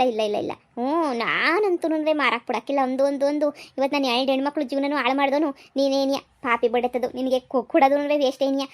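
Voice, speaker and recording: A woman playing a scolding, sharp-tongued village mother in a comedy skit. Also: high-pitched, close to an everyday voice. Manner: scolding, fast rustic nagging.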